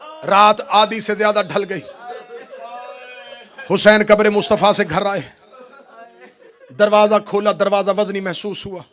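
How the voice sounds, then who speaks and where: Male preacher, high voice, impassioned mourning recitation. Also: flat delivery, slow, pauses often. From Pakistan. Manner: impassioned, swings between hushed telling and loud wailing.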